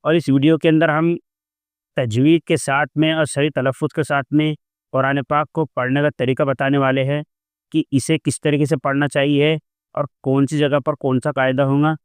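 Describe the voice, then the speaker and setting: A man teaching a Quran lesson, explaining each word plainly and then reciting it slowly with long drawn-out sounds. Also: medium pitch, flat delivery, smooth, no echo, studio quality.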